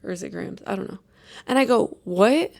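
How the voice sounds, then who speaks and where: A woman's voice: medium pitch, fast talker, creaky. A woman hosting a podcast, telling a rambling, self-deprecating story in a casual chatty way with many restarts. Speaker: podcast host.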